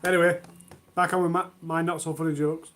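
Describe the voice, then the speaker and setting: A man's voice: a little high, little pitch movement, fairly quick, fairly bright tone. A man hosting a long charity livestream from home, reading out corny jokes and mocking them himself. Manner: self-mocking, groans at own jokes. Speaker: livestream host.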